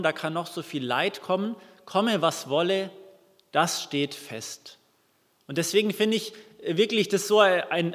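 A man's voice: a little high, a bit bright, big-room sound. A man preaching a sermon, reading a Bible passage and explaining it earnestly to his congregation, with some restarts.

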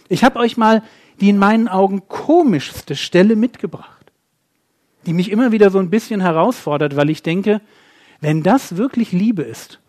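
A man preaching a sermon, asking rhetorical questions and swinging between loud and quiet. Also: high-pitched.

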